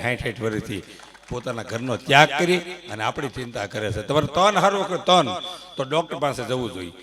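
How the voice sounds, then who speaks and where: A man's voice: mid-range voice, a bit bright. A middle-aged man telling jokes and stories on a live stage mic and leading the audience in applause. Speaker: stand-up comedian on stage. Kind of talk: live folk comedy monologue. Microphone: stage microphone.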